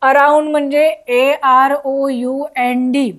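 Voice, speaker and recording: A woman's voice: high voice, little pitch movement, slow pace. A woman teaching a recorded school lesson, spelling words out letter by letter and asking children questions.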